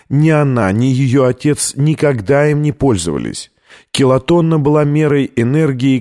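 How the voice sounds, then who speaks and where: A man narrating an audiobook in an even, measured reading style. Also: medium pitch. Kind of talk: scripted narration.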